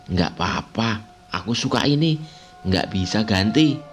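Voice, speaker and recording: A man voicing a quiet, eerie young child who gives short, flat, evasive answers, over background music. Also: fairly low pitch, measured pace. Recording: music playing underneath.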